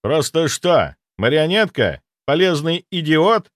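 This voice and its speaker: A man voicing a cold, sardonic male necromancer who speaks in a measured, mocking way. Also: mid-range voice, very animated, no room sound, studio quality, close to an everyday voice.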